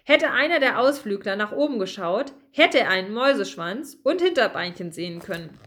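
A woman narrating a children's storybook in an expressive, lively reading voice. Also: mid-range voice, fairly quick.

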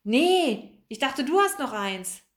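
A woman's voice: high voice, big pitch swings, slow, reverberant, voice pushed up, heavily acted. A woman voicing a clumsy, hot-tempered male crook who hisses and whines, in a storybook reading. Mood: angry. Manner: hissing, whiny.

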